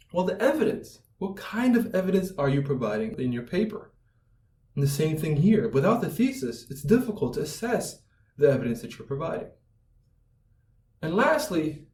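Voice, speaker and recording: A man's voice: on the high side, a little mellow. A man teaching academic writing, explaining step by step over slides and often checking in with "right?". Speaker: writing instructor. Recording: roomy echo, mic at a distance, faint music.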